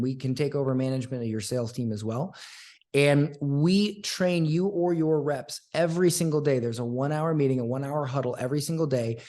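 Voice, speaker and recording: A man's voice: fairly high pitch, warm tone. A man speaking as a podcast guest and sales coach in casual interview talk, earnest and repeating his points for emphasis.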